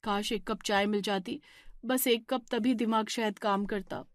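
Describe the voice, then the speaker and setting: A woman voicing a clumsy, meek young daughter-in-law in a cartoon story, speaking softly and apologetically. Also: mid-range voice, steady tone, a little slow, no echo, clean studio sound, lightly acted. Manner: soft, apologetic, hesitant.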